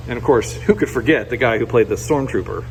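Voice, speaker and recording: A man vlogging a walk through an indoor wax museum, chatting with his viewers and quizzing them with questions, often pausing with fillers and restarts. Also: mid-range voice, slight background noise. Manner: hesitant, frequent fillers and restarts. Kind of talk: casual walk-through commentary.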